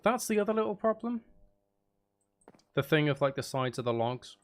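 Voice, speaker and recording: His voice is a little high, with big swings in pitch, delivered at normal speed. The man hosts a gaming livestream, casually thinking through his build aloud and bantering with viewers, mild swearing included.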